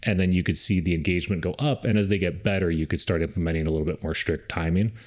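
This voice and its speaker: A man co-hosting a podcast, giving casual advice on dog training, relaxed and rambling with lots of fillers. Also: low voice, fast.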